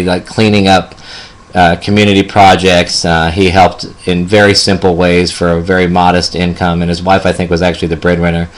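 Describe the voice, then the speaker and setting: Fifties guy, deep voice, telling a story soft and slow with uhs and ums. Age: 50s. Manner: gentle, with many fillers. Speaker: hospice nurse. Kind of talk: personal storytelling vlog.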